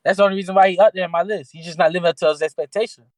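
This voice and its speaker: Dude with a high voice rambling about football on a podcast, dry close sound, lots of restarts. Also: male voice, steady tone, very fast, dry recording. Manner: casual slangy talk, rambling restarts. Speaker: podcast co-host. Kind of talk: casual sports chat.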